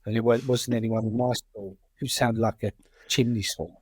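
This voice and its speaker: A man's voice: on the low side, fairly even intonation, normal speed, slightly rough, dry recording. A man with a British working-class accent answering in a conversational interview, often repeating words and restarting sentences as a campaigner. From United Kingdom. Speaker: charity chair and campaigner.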